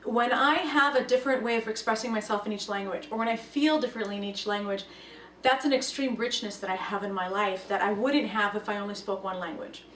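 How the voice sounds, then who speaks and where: Earnest and reflective, a young woman whose first language is Russian gives a personal talk to camera, stressing key points with some liveliness. Her voice sits a little high, and she's recorded on a distant mic in an echoey room with a faint hum beneath.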